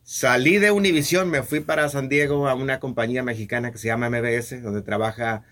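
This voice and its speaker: Relaxed man recounting his career. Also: medium pitch, a little fast. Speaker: radio and TV broadcaster, interview guest. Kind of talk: casual conversational interview.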